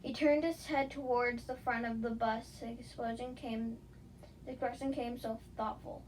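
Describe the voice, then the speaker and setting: A woman reads a first-person fan fiction story aloud in a relaxed, casual way, now and then stumbling and correcting herself. Her voice sits on the higher side, and a faint hiss of noise sits behind it. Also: moderate pace, rough recording. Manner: casual reading with small slips. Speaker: narrator.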